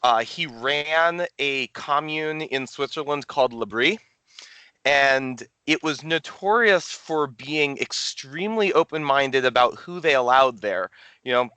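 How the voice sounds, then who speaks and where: A man's voice: mid-range voice, animated, unhurried, bright, forceful tone, smooth, no echo. A man hosting a podcast, explaining background in a casual, lecturing way. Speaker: podcast host.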